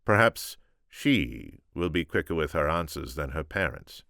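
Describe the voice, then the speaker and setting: A man's voice: extremely low pitch, very animated, measured pace, vocal fry, bright, forceful tone, no echo, clean studio sound, exaggerated voice. A man voicing a haughty, sly nobleman count in a read-aloud story, with a cool, probing, mildly mocking manner.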